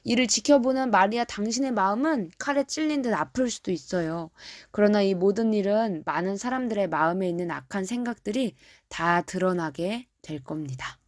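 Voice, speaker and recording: A devout old man speaking with simple earnest warmth, as a woman telling a children's Bible story puts him on. The voice sits at an ordinary middle pitch and sounds dry and close, with no room around it. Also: normal speed, dry recording, natural voice. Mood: solemn. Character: devout elderly man, prayerful and overjoyed.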